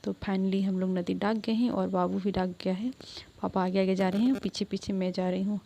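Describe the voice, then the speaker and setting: A woman's voice: mid-range voice, flat delivery, normal speed, gravelly, dark tone, slight background noise. A young woman chatting in a homely, casual way as she vlogs outdoors while crossing a river, often restarting her sentences. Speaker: vlogger. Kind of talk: casual vlog narration.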